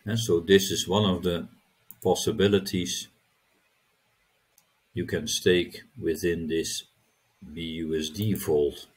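Middle-aged man, tutorial host: deep and husky, unhurried, halting, repeats words as he clicks. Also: fairly even intonation. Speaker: crypto channel host. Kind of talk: screen-recorded tutorial walkthrough.

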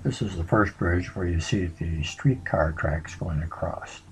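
A man presenting a local history slideshow in a relaxed, conversational way, pausing often on fillers. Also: sits low, slight background noise, rough recording.

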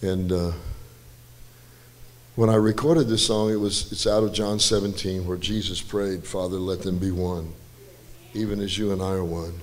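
On a church stage, a hoarse older man, a guest musician and speaker, tells stories as a testimony into a handheld mic. His deep voice moves at a moderate pace as he rambles in a relaxed way, adding self-deprecating asides. The large hall is reverberant, with faint music.

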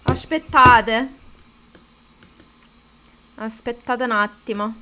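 A woman's voice: fairly high pitch, steady tone, very slow, sharp tone. A woman chatting casually to her viewers while streaming a game, greeting them and cursing at the controls. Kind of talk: casual live-stream gameplay chat.

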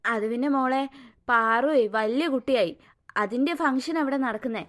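A woman voicing a gentle, patient cartoon mother who soothes and explains things to her daughter. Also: on the high side, normal speed, lightly acted. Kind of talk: cartoon voice acting.

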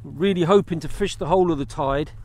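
Out on open water, a middle-aged man from England vlogs his fishing from a kayak, walking through each step for the action camera mounted on the boat. He talks casually in a fairly high, slightly mellow voice at a brisk pace, frequently starting phrases over.

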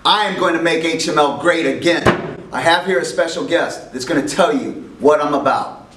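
A man's voice: fairly high pitch, moderate pace. Boastful man's wrestling promo, noisy echoey room. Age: middle-aged. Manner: boastful, declarative short statements. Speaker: wrestling coach. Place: classroom. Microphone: camera at some distance. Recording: echoey, noisy classroom, distant camera mic.

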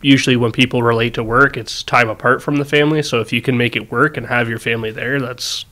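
Easygoing male co-host, flat delivery. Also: mid-range voice, fast. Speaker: podcast co-host. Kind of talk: casual podcast interview.

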